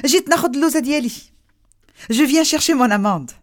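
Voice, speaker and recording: A man's voice: very high voice, expressive, normal speed. A woman voicing a simple-minded, stubborn young man in a told folk tale, pleading and insistent.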